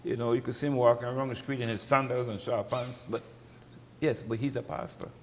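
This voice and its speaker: Male pastor, Crucian Virgin Islands accent, mid-pitched, plain-spoken and candid, long hall reverb. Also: flat delivery, fairly quick. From St. Croix, US Virgin Islands. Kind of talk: candid personal talk. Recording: long hall reverb, faint background noise.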